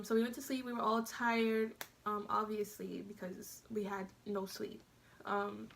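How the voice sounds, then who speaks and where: A woman's voice: mid-range voice, creaky. A young woman vlogger telling her own story in a chatty way, speaking straight to her viewers and giving them tips. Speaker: vlogger recounting basic training. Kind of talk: casual storytelling vlog.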